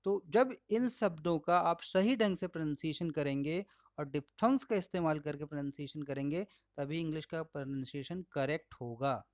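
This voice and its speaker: A male pronunciation teacher with an Indian English accent and Hindi as his first language, slowly and patiently modeling each word aloud while explaining slides. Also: a little high, no echo, studio quality. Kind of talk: slide-based lesson.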